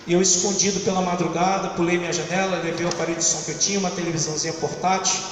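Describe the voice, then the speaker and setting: High-voiced preacher in an echoey hall. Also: male voice, little pitch movement, very fast, recorded from a distance, a crowd in the background. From São Luís, Maranhão, Brazil. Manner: dramatic storytelling with repetition. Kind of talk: testimony sermon. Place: church hall. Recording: echoey church hall from afar with music.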